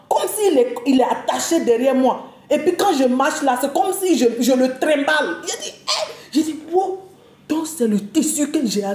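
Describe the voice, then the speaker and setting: A woman preacher giving a lively, repetitive spoken testimony to a congregation, full of exclamations. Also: high-pitched, roomy sound. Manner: animated, repetitive, storytelling with exclamations.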